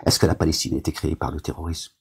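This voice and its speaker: A man's voice: very deep voice, little pitch movement, racing, vocal fry, darkish tone, husky. A man delivering a rambling, agitated monologue to his viewers, scolding them as a self-styled preacher, with constant verbal tics.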